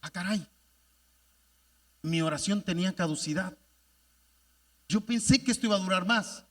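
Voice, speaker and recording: A man's voice: high-pitched, normal speed, far from the mic. A man voicing a prophet stunned by loss, muttering in rueful dismay.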